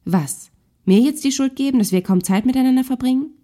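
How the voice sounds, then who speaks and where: A sharp, reproachful wife in a heated domestic argument, as a woman narrator voices her. Her tone is dark and mellow, pointed and accusing, in a spoken-word story reading. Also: medium pitch, animated, quick pace, lightly acted. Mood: angry. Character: angry wife in a marital spat.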